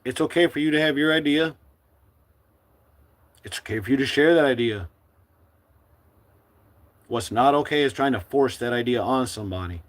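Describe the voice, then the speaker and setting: A middle-aged man from the United States speaking to his livestream viewers in a forceful, defiant, preachy monologue. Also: mid-range voice, normal speed, pauses often. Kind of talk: impassioned live-stream monologue.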